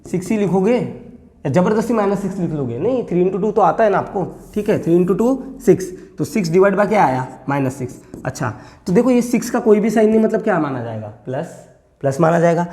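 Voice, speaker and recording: A man teaching a math lesson, explaining each step slowly, repeating phrases and asking the class questions as he writes. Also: sits high, warm tone.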